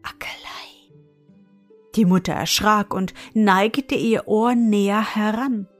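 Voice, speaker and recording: A calm woman reads a bedtime fairy tale in a soothing, gentle voice. She takes her time over every phrase, with a mid-range tone. Soft music plays faintly underneath. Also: medium pitch, slow. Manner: calm, soothing, softly whispered at times. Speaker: bedtime story narrator. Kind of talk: bedtime story reading.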